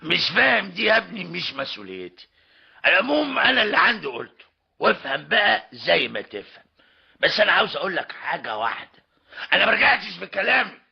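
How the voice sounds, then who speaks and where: A man's voice: high-pitched, creaky, slightly rough, full character voice. An actor playing a stubborn, scheming older tradesman and father in an old radio comedy drama, mocking and theatrical, with an Egyptian Arabic accent. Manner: mocking, theatrical, keeps repeating a polite tag. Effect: old lo-fi radio drama recording. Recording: dull lo-fi old radio recording.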